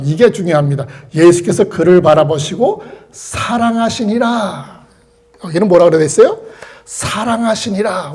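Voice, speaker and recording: A man with a notably high voice leads a Bible study lecture. He reads scripture in solemn archaic phrasing, then breaks it down with rhetorical questions and repeated phrases for emphasis. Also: a little mellow. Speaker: Bible teacher.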